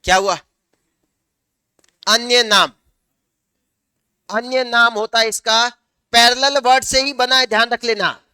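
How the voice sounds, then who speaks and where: Male teacher, lecture delivery, self-answering questions, dictates slowly at times. Very clear, crisp tone. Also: extremely high pitch, fairly even intonation, bright, forceful tone, no echo, clean studio sound. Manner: asks the class questions and answers them himself; slows down to dictate notes word by word. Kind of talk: classroom lecture.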